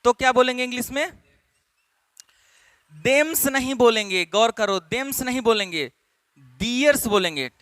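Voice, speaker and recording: Male classroom teacher, high and bright, emphatic drilling delivery, dry close sound. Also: smooth, no echo. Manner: repeats questions to drill students; emphatic, stretches key words slowly. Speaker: English teacher. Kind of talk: classroom lesson in Hindi.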